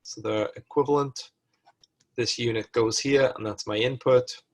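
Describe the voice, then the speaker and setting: A man's voice: mid-range voice, fairly even intonation, measured pace. A male lecturer working through chemistry problems step by step, thinking aloud and correcting himself mid-sentence. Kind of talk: recorded lecture walkthrough.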